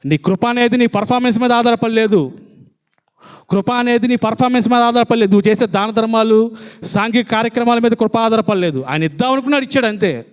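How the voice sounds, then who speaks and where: Fervent high-voiced male preacher. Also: quick pace, clean tone. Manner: fervent, rhetorical questions. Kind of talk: sermon.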